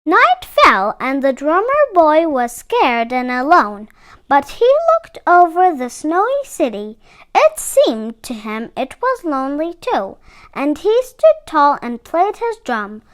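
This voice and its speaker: A woman with a high, fairly bright voice reads a children's picture book aloud. She tells the story expressively, using dramatic phrasing.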